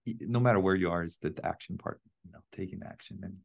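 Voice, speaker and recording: A man's voice: low voice, fast, vocal fry. A man hosting a podcast, chatting casually with his guest and laughing often. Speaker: podcast host. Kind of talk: casual interview chat.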